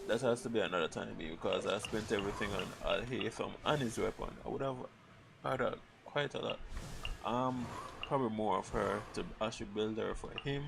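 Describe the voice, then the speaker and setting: This streamer is a young man with a lowish, gravelly voice, casually narrating a game on a livestream and rambling in slang while he thinks aloud. The mic picks up a lot of noise.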